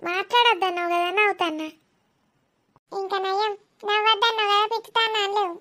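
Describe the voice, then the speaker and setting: A woman's voice: very high voice, steady tone, brisk, pushed and bright. A woman playing a blunt, scolding older village mother, teasing and mocking in a rustic way. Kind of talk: comedy skit acting.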